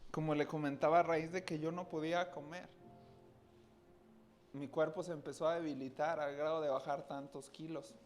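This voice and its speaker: A man's voice: a little high, steady tone, moderate pace, faint music behind. A man giving a personal testimony to a congregation, earnest, often turning to his listeners directly. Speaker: church speaker giving testimony.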